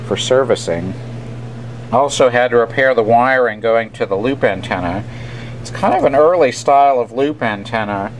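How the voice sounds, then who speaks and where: At his indoor bench, a radio repairer talks through a hands-on fix, casual and matter-of-fact, off the cuff. He has a medium-pitched voice. The recording is low quality, carrying a steady hum and room noise.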